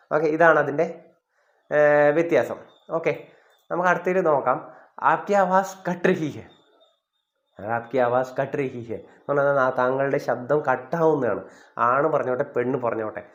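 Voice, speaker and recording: A man's voice: medium pitch, highs cut off. A man teaching a spoken Hindi lesson, explaining step by step and often checking that listeners follow.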